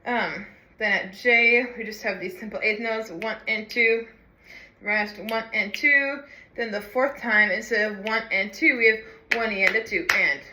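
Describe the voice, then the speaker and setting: Bright-voiced female music teacher, counts and scats rhythms, echoey room. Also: a little high, steady tone, a little slow, slight background noise. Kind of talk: instructional walkthrough with sung rhythms.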